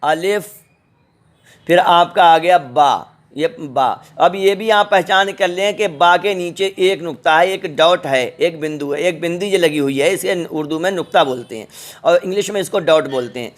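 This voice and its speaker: A middle-aged man teaching the Quran's alphabet in a recorded lesson, patient and repetitive, sounding letters out slowly. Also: sits high.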